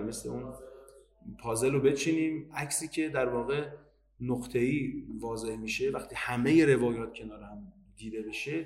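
A man's voice: mid-range voice, a little mellow. Man teaching a religious history lesson. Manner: reads Arabic narration slowly, then explains in casual Persian. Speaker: religious lecturer.

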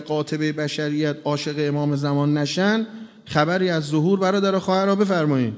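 High-voiced man preaching in a reverberant hall. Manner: earnest, addresses listeners directly. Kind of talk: religious sermon with storytelling.

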